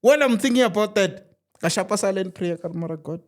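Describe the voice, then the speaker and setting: A young South African man telling a comic story in casual chat, animated and quick to switch languages mid-sentence. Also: high voice. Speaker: podcast host.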